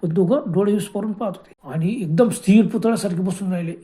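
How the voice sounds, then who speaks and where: A man's voice: sits high, fast talker, dark tone. A man narrating a horror story in a dramatic way, often exclaiming in fright.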